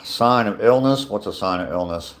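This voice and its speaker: Out on a walk, a man in his sixties talks into his phone on a live stream, reading viewer comments and answering them in a chatty, easygoing way with dry humor. His voice is fairly low and moves at a moderate pace.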